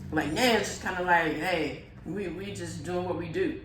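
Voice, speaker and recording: Low-voiced woman co-host, easygoing. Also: normal speed, noisy background. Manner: easygoing, opinionated, trails off with fillers. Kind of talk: casual TV recap chat. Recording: echoey room.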